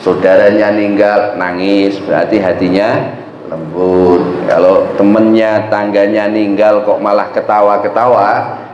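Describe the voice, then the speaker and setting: Speaking at a measured pace in a lowish voice, a man delivers a storytelling sermon in a mosque with slight background noise. The echoey, dull lo-fi recording captures his lively tales and his frequent questions to the congregation.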